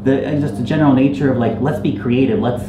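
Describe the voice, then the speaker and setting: A man's voice: medium pitch, steady tone, fast talker, highs cut off, over music. Upbeat male host in a roomy space. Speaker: interview host. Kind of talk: casual interview talk. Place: indoor venue in Hong Kong. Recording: roomy, noisy ambience.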